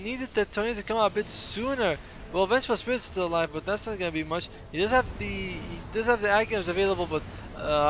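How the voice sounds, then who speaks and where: A man's voice: fairly high pitch, fairly bright tone. A tired, yawning man giving casual, chatty play-by-play commentary on a game replay, often correcting himself mid-sentence.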